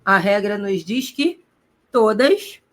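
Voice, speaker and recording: In a medium-pitched, somewhat bright voice, a woman Portuguese teacher leads a recorded exam-prep grammar lesson aimed directly at the student. She raises rhetorical questions for herself and slows down to drag out key words for emphasis.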